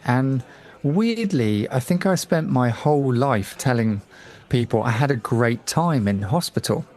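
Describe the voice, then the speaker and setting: A middle-aged Englishman appears as a guest on a radio talk show, recounting a personal story with energy and acting out the voices of the people he quotes. His voice is medium-pitched and his pace unhurried.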